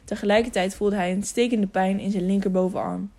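A woman's voice: medium pitch, steady tone, a little fast, mellow. A woman narrating an adventure novel as an audiobook, reading steadily and now and then correcting herself.

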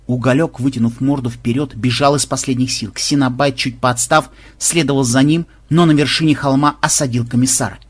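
A man narrating an adventure story in a lively storytelling manner. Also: medium pitch, brisk, few pauses, slightly rough. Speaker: audiobook narrator. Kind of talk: scripted narration.

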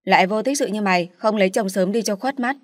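A woman's voice: medium pitch, quick pace, dry recording, lightly acted. Brief: woman voicing a harsh middle-aged mother, raised and scolding, dry close sound.

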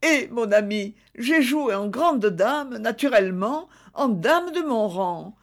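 A theatrical, coaxing wife from an old French novel, voiced by a woman reader. She argues her case in lively swoops of pitch at an unhurried pace. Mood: justifying. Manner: theatrical, pleading then commanding. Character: extravagant wife, self-justifying and coaxing.

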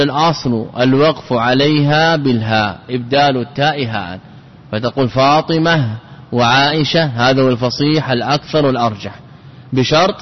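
A man giving a classical Arabic grammar lesson, explaining patiently, repeating key phrases and asking his students rhetorical questions. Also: medium pitch. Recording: dull lo-fi lecture recording with long hall reverb.

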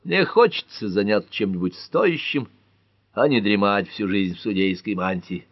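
A man's voice: fairly low pitch, lively intonation, normal speed, no echo. A man reading an audiobook and voicing an elderly male judge who speaks in a dry, dismissive way.

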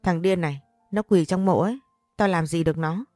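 Woman reading out a sneering old mom, mellow tone, faint music. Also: on the low side, a little fast, dry recording, lightly acted. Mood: scornful. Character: older mother, bitter and scornful.

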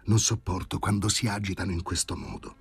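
A man voicing a resentful male stray dog, muttering his sulky thoughts in a low voice. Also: fairly even intonation, brisk, slightly rough, no room sound, heavily acted. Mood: grumbling.

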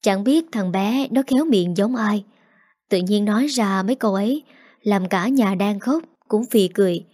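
A woman reading a first-person story aloud in a slow, tender, emotional way. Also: mid-range voice, a little mellow. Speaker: story narrator. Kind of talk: first-person audiobook narration.

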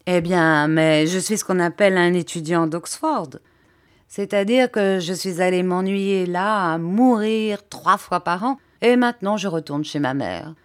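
A woman's voice: lowish voice, a little slow, natural voice. A woman reading the lines of a confident, easygoing young male student in an audiobook, in a breezy, cheerful way.

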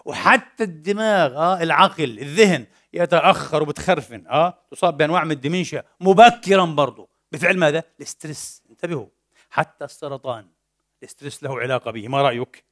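This lecture-style sermon comes from a fast-talking male preacher and lecturer whose fairly high voice has a slightly bright quality. He shifts between formal and casual phrasing, constantly asking rhetorical questions and then supplying the answers.

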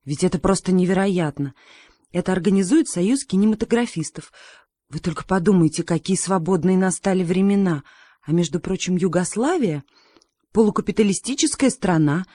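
A woman narrating a story as an audiobook, in a measured, gently ironic way. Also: on the low side, no room sound. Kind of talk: audiobook reading.

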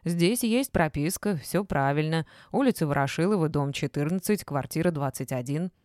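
A woman's voice: sits low, lively intonation, moderate pace, a little mellow, no echo, studio quality. A woman reading an audiobook, voicing a portly middle-aged man who acts as a stern, officious building warden. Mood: lecturing. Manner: officious, demanding. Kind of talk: audiobook character voice.

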